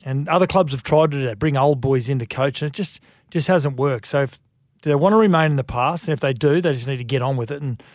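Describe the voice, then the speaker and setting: An Australian man giving opinionated sports talk as a rugby league pundit, thinking aloud in a halting way. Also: mid-range voice, darkish tone, no room sound.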